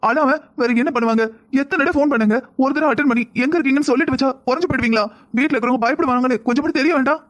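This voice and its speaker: Brief: a man playing a fretful young cartoon wife, southern Tamil accent, very high and rapid. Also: close to an everyday voice. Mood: reproachful. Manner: pleading, scolding, quick. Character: anxious young wife, worried and reproachful. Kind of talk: cartoon voice acting.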